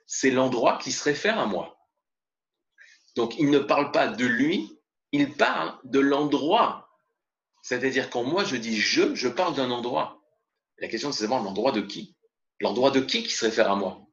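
Gravelly man teaching a religious lesson. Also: mid-range voice, measured pace. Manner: expressive, mixes Hebrew terms into explanations. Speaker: Torah teacher. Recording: dull lo-fi recording.

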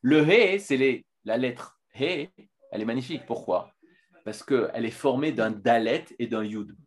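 A man teaching a filmed Torah lesson, lively, with many restarts and fillers. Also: medium pitch, measured pace.

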